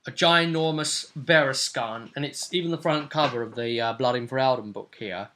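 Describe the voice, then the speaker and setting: A man with a medium-pitched, fairly bright voice speaks at normal speed as a game master and vidcast host. He casually recaps a tabletop role-play session, repeating phrases for dramatic emphasis.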